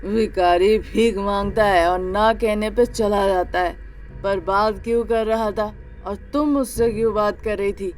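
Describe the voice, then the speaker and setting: An actor voicing a cruel, drunken husband who threatens slowly and menacingly in a cartoon story. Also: medium pitch, fairly even intonation, faint music behind, close to an everyday voice. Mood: suspicious. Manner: slow, menacing.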